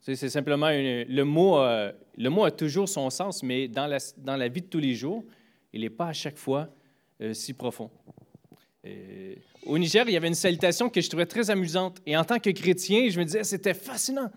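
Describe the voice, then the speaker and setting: In a casual chat, a man with a fairly high voice speaking at ordinary pace relates anecdotes about how people greet each other and show politeness. He restarts and uses fillers a lot, sounding hesitant, but gets animated as his voice rises for quotes.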